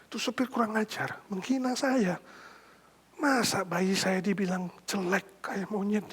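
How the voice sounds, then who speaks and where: A man voicing an offended young mother in a sermon anecdote, complaining in a shrill, wounded tone. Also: steady tone, a little slow, husky. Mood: indignant. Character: indignant young mother insulted on a bus.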